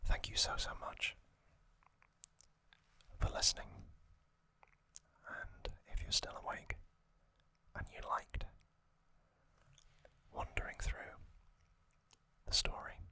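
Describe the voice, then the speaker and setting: The speaker is a male ASMR host whose narration is a breathy, hushed whisper delivered close to the microphone. He sounds thoughtful and gentle, leaving pauses between thoughts.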